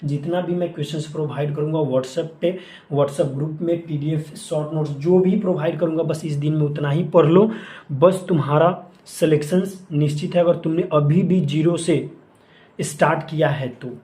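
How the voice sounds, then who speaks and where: A man's voice: fairly high pitch, steady tone, moderate pace, dark tone. A young man coaching students for an exam, giving casual, repetitive instructions and mixing English terms into his Hindi. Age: young adult. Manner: mixes English phrases into Hindi speech. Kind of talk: casual exam-prep lesson. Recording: echoey room.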